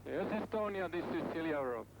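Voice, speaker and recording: A man's voice: a little high, expressive, a little fast. A man, a ship's officer, answering a call over marine radio. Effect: marine radio transmission. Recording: very noisy, crackling VHF marine radio.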